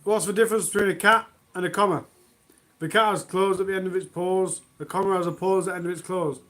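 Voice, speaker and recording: Male streamer, high voice, reads bad jokes live from home and groans at them. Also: steady tone, fast talker, a bit bright. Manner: self-mocking, groans at own jokes. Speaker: livestream host. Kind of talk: reading jokes on a charity livestream.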